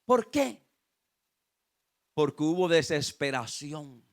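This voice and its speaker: High-voiced preaching man. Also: very animated, takes it slowly. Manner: preaching with rising fervor and repeated "aleluya"; rhetorical questions and repetition. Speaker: pastor. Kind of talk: sermon.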